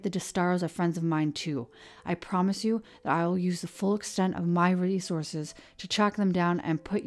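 A woman's voice: fairly low pitch, natural voice. A woman reading an audiobook, voicing a stern middle-aged male sheriff who is also a weary father, firm and commanding. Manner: firm, commanding, loud when angered. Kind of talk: audiobook character voice.

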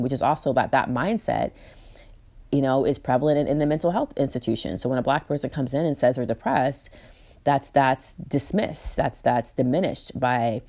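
A woman speaks candidly about her own experiences in an interview, emphatic and blunt, cursing freely and frequently restarting sentences. Her voice is rumbling low, creaky, and warm.

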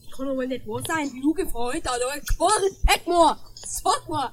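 A woman acting out an improvised role-play scene, often shouting and breaking into laughter. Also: high-pitched, lively intonation, moderate pace, a little hiss or hum.

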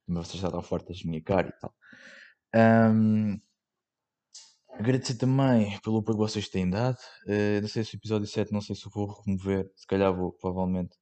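A man's voice: on the low side, fairly even intonation, fairly quick, mellow. A young man with a European Portuguese accent, hosting a casual solo podcast, rambling in slang with many fillers and swearing. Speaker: podcast host.

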